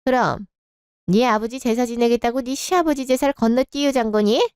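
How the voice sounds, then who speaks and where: A woman's voice: fairly high pitch, a little fast, smooth, no room sound, studio quality, natural voice. Woman playing a stern older mother-in-law. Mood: scolding. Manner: scolding, sharp and overbearing. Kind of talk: Korean radio drama.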